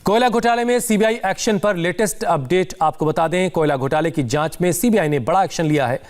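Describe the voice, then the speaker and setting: A man's voice: sits high, fairly quick. A man reading a news bulletin as an anchor, in urgent, punchy headline style. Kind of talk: scripted news bulletin delivery.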